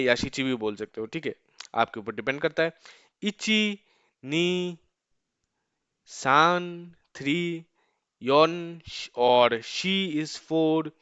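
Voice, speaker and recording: Male tutor with a clear, even voice, mid pitch, dry and slightly dull sound; talks casually and drills words slowly. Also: no room sound. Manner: repeats "ठीक है" often, slows to drill numbers. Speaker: language teacher. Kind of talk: casual spoken lesson.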